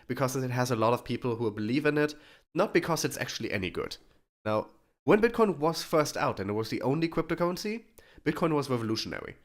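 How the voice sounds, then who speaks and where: A man with a cold hosting a casual YouTube market commentary, speaking in a blunt, opinionated way. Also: mid-range voice. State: sick with a cold. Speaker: YouTube host.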